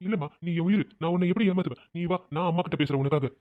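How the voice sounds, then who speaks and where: A voice actor playing a meek, soft-hearted young husband in a cartoon family drama. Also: mid-range voice, very fast, lightly acted. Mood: pleading. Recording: tinny phone-like lo-fi sound.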